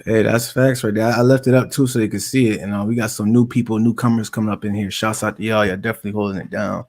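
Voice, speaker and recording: A man's voice: fairly low pitch, fairly even intonation, quick pace, a little mellow. A man hosting a live stream, laid-back and casual with slang, often repeating himself.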